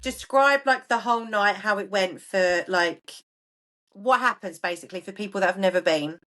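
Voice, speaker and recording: A woman's voice: mid-range voice, normal speed, a bit bright. A woman co-hosting a podcast, blunt and teasing in casual chat.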